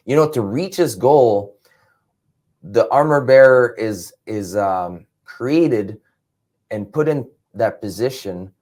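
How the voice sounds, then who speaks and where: A man reading out teaching points on serving a leader, earnest and halting, with frequent restarts. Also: on the low side, a little mellow. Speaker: ministry teacher. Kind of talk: reading points and explaining them.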